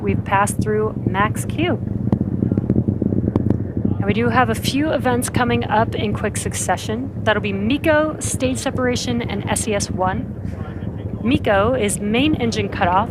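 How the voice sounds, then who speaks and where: A woman with a fairly high voice hosts a live launch broadcast. She explains each step like an announcer. Clear ambient noise sits behind her voice. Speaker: launch webcast host.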